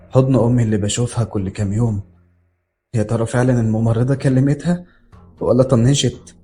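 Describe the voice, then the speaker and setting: A man with an Egyptian accent reads a horror story quickly and dramatically. His voice is low, dark and mellow, and faint music plays behind him. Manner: dramatic, tense reading. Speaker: narrator. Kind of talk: scripted horror story narration. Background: faint background music.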